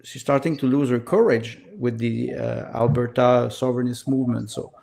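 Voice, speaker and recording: A man from Canada co-hosting a casual political podcast, halting and repeating words as he searches for them. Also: medium pitch, fairly even intonation, creaky, a little mellow. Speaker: podcast co-host.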